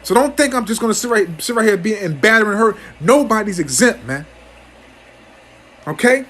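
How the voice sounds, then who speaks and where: A man's voice: high-pitched, animated, moderate pace, fairly bright tone. A man giving an angry, profane commentary on scripture as a teacher, stammering through restarts and ending almost every phrase with "man".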